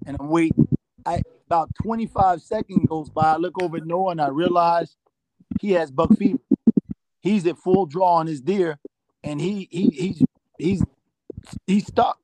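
A man's voice: fairly high pitch, darkish tone, no room sound, rough recording. A middle-aged man telling rambling hunting anecdotes as a guest, often repeating "I said.". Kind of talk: storytelling anecdotes.

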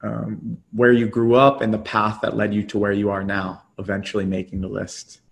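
A man's voice: fairly low pitch, completely flat delivery, moderate pace, vocal fry. A man hosting an interview, upbeat and full of praise, rephrasing the guest's points. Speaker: podcast host.

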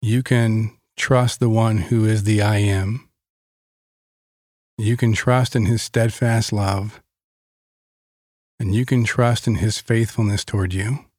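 Slow, calm man guiding a meditation. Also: fairly low pitch, dry recording, studio quality. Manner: slow, calm, deliberate with long pauses. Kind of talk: guided meditation with Bible teaching.

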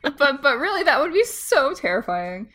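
Bright-voiced woman with vocal fry and a cold. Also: high voice, very animated. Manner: giggly, halting, informal. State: has a slight head cold. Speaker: podcast co-host. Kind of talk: casual chat.

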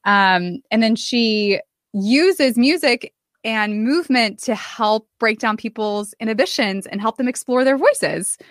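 A woman co-hosting a podcast in casual chat, talking in an excitable, gushing way. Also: a little high, a little slow, no echo, clean studio sound. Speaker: podcast co-host.

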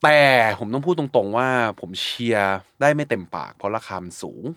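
A man in a casual podcast chat, blunt and animated, swearing lightly and acting out his own reactions. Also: lowish voice, brisk, dry recording, studio quality. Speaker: guest food reviewer.

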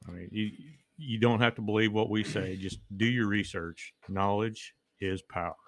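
Low-voiced man giving earnest advice. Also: fairly even intonation, normal speed, no room sound. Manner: earnest, repeats his point. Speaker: podcast guest. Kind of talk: casual podcast talk.

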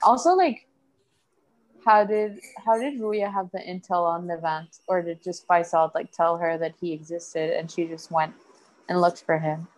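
A woman's voice: lowish voice, a little slow, rough recording. A woman co-hosting a podcast in a casual chat about a TV show, talking in loose restarts and laughing often. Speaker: podcast co-host.

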